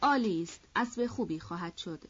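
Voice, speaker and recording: A woman voicing a cheerful, friendly young male cavalry officer in an audiobook, speaking with a bright, brotherly warmth. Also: lowish voice, animated, slightly rough, dull audio. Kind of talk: audiobook character voice.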